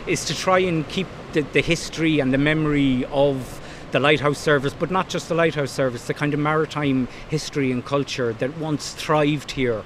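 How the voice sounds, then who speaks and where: West of ireland guy explaining stuff in an interview, voice a bit high, faint noise outside. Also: fairly even intonation, normal speed, few pauses. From Blacksod Bay, County Mayo, Ireland. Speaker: founder of a maritime heritage company. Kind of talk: interview talk, explaining plans. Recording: faint outdoor background noise.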